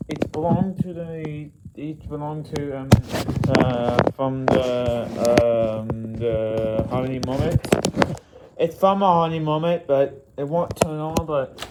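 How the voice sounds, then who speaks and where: A man talking in a casual vlog, rambling and halting with many fillers and restarts. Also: fairly high pitch. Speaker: vlogger. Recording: loud background noise.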